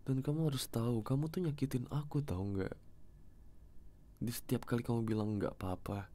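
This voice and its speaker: A man in a whispered role-play as a husband, talking softly and gently, coaxing and comforting his crying partner up close to the mic. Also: medium pitch, fairly even intonation, a little fast. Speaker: ASMR role-play creator playing a husband.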